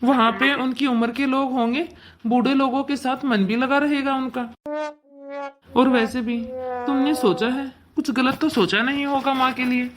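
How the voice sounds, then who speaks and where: A woman voicing a weak-willed adult son and father in a cartoon, who talks softly and gives in easily. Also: high voice, fairly even intonation, normal speed, music in the background, close to an everyday voice. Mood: agreeing. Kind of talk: cartoon voice acting.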